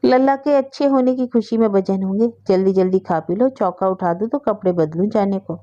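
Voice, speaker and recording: A woman voicing a gentle, patient young mother who coaxes and soothes, in a storybook reading. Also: medium pitch, normal speed, highs cut off, natural voice. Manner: soothing, coaxing.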